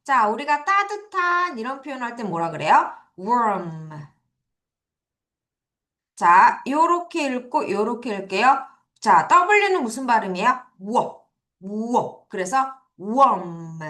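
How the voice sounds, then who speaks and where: A woman English teacher leading a children's vocabulary lesson, drilling her students with slow, sing-song call-and-repeat questions. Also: sits high, very animated, sharp tone.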